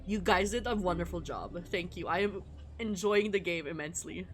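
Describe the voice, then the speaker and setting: With music running in the background, a woman livestreams herself playing a visual novel. She reads game text out loud and rambles wryly between lines. Her voice sits on the low side and keeps a moderate pace.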